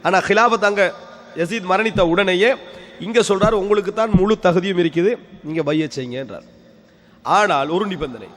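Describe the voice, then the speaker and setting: A man's voice: sits high, fairly bright tone. A man giving a weekly religious lecture in a mosque. He tells a history as a story, asking rhetorical questions and answering them himself, and he repeats key phrases. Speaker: preacher. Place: mosque hall. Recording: long hall reverb.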